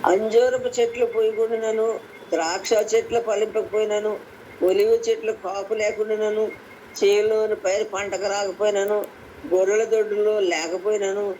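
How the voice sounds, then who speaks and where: Over a noisy conference call, picked up by her phone, a lay preacher from Andhra Pradesh, India, gives an informal devotional sermon at a prayer meeting. She explains scripture and repeats phrases for emphasis, her warm, mid-range voice keeping fairly even intonation at normal speed.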